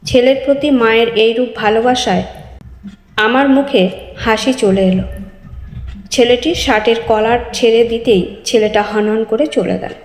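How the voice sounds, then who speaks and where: A woman narrating an emotional story, reading every part herself and lifting her voice for the quoted lines. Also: on the high side. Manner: reads all parts, raising her voice for quoted speech. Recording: echoey room with long reverb.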